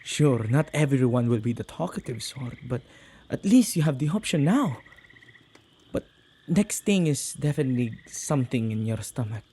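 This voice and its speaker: In a conversational ASMR roleplay, a man voices a witch who spends time with ghosts, excitable and caring, speaking close to the listener in a husky, gravelly tone. His voice is mid-range at a normal speed, and the mood is casual and teasing.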